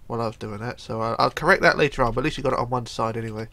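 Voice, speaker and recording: Sharp, creaky, and rapid-fire, this medium-pitched male voice belongs to a middle-aged tutorial host with a cold-induced hoarseness. Sitting at his home computer, he chats through a casual game build, counting blocks out loud and often mumbling.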